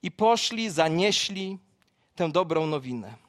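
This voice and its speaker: A man delivers a sermon in a rather high voice, recorded dry and close with no room echo. He tells stories emphatically and repeats his key phrases. His delivery swings from loud, driving lines to soft, quiet ones. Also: lively intonation, a little slow. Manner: storytelling with acted-out quotes. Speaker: preacher.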